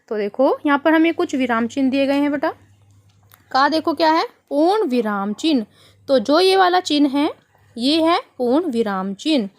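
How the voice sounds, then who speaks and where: A woman teaches young children from a worksheet. Her voice sits high and swings widely in pitch. She explains patiently, asking the kids questions and calling them "beta". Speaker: primary school teacher. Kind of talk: online worksheet lesson for children.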